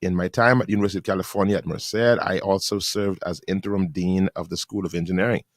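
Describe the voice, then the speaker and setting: A man, a pastor hosting a radio talk show, chatting casually, laughing often and reading documents aloud in halting bursts. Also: low voice, steady tone, no echo, studio quality. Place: radio studio. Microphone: studio microphone.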